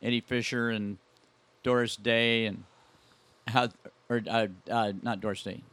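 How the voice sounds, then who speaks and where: A man co-hosts a casual podcast, rambling and cracking wry jokes. His voice sits at an ordinary middle pitch. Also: flat delivery, a little slow, fairly bright tone, clear, resonant tone, no echo. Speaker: co-host.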